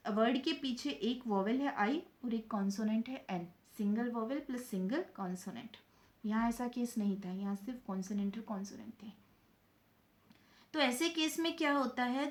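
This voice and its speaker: A woman teaching a grammar lesson, explaining step by step and answering her own questions. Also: a little high.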